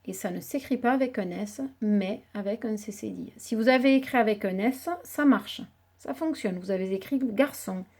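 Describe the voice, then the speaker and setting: A woman primary school teacher, giving a slow, patient dictation lesson to young children, spelling words syllable by syllable. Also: medium pitch, darkish tone.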